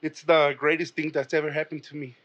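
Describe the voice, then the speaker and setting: A man's voice: a little high, little pitch movement, brisk, a bit bright. Blunt, cursing middle-aged man, lo-fi. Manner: blunt, swears freely, storytelling. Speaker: comedian guest. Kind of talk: casual chat. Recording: dull lo-fi sound.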